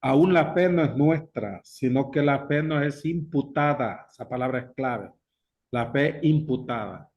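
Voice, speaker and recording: Man teaching a slow, emphatic Bible class. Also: mid-range voice. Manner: slow, emphatic, repeats key words. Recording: dull lo-fi recording.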